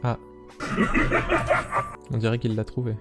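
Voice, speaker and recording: A young man with a Belgian French accent giving casual, animated gameplay commentary as a streamer, swearing often and talking straight to his viewers. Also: mid-range voice, measured pace, over loud music.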